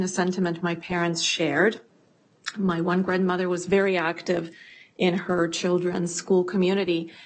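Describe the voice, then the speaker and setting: Speaking with a lowish voice, a middle-aged school board trustee introduces herself at a board meeting. She is measured and reflective, pausing hesitantly now and then.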